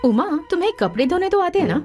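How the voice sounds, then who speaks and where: A woman's voice: extremely high pitch, sing-song, fast, over music. A woman voicing a bossy, meddling older sister in a film dub, scolding. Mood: mocking.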